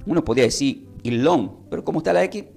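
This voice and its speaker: A man's voice: fairly high pitch, animated, rapid-fire, vocal fry, a little mellow, soft background music. A man from Tucumán with an Argentine accent, teaching a Bible class and having his listeners repeat his phrases. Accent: Argentine Spanish. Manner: prompts listeners to repeat after him, emphatic rises. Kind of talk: Bible class preaching with call and response.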